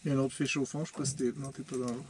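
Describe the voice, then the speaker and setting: A young man with a Quebec French accent chatting casually and swearing excitedly while ice fishing. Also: mid-range voice, very fast. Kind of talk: casual chat. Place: outdoors on a frozen lake, later inside an ice fishing tent. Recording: noisy outdoor camera audio.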